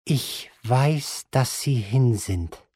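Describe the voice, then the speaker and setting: A man's voice: unhurried, no echo, studio quality. A man doing a bossy old grandmother. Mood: furious calm. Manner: shrill, bossy, impatient orders. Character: imperious old grandmother gambler, commanding. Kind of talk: audiobook reading.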